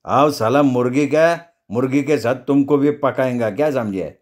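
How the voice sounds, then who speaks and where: A man voicing a drunken, hot-headed brawler who snarls and barks his threats in rough slang. He sounds loud and volatile, as if a knife is always within reach. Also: mid-range voice, normal speed, close to an everyday voice. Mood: snarling. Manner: shouted threats in rough Hindi.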